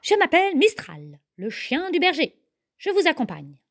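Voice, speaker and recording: A woman voicing a loyal shepherd's dog who speaks boldly and loudly to guard the cubs. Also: high-pitched, wildly swooping pitch, moderate pace, voice pushed up, heavily acted. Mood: protective.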